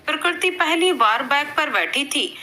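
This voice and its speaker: A woman narrating an emotional story as a storyteller, in a gentle, scripted way. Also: sits high, lively intonation, measured pace, slight background noise, rough recording.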